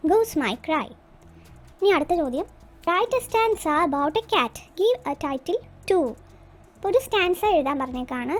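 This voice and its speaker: A woman teacher explaining a textbook lesson, asking and answering her own questions and translating English lines as she goes. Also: very high voice.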